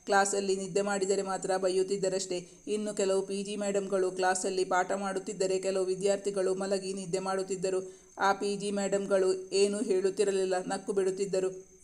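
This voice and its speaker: A man narrating a romance story as a channel storyteller, reading in an even, measured way. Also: high-pitched. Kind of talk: scripted narration.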